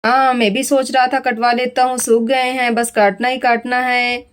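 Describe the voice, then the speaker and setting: A woman's voice: a little high, little pitch movement, normal speed, natural voice. A woman voicing an elderly village grandfather. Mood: gentle.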